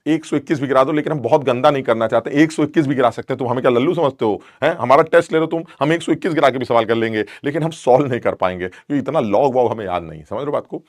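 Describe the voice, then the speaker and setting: In a playful online chemistry lecture, a man speaks very fast with hardly any pauses in a mid-range voice. He keeps quizzing the class and acts out short teacher-student exchanges, switching voices, all in clean, dry studio sound.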